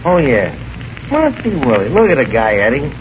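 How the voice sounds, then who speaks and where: A man's voice: mid-range voice, wildly swooping pitch, normal speed, muffled recording, noisy background. An actor playing a brash, blundering male tavern manager who mangles fancy words, in 1940s radio comedy style, heard through an old AM radio broadcast. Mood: bluffing. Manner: folksy, bluffing, fumbles with uh. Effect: old AM radio broadcast sound.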